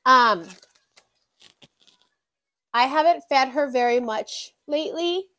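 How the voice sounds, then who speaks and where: Budget vlogger, woman, light raised pitch, chatty and informal, counts bills aloud, talks to her binders. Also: animated, takes it slowly, pushed and bright. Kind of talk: casual chat while counting cash.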